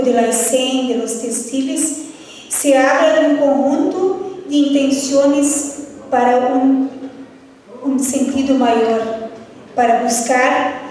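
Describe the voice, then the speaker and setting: A woman's voice: high voice, dark tone. A woman from Brazil with a Brazilian Portuguese accent, a native Portuguese speaker mixing Spanish and Portuguese as she gives a formal greeting speech as a union delegate. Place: large echoey hall, heard from far off. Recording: echoey hall, distant, faint noise.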